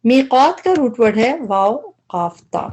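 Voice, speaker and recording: A woman's voice: fairly high pitch, lively intonation, darkish tone. A woman teaching a Quranic vocabulary lesson, explaining each word patiently and step by step, with English terms mixed into her speech.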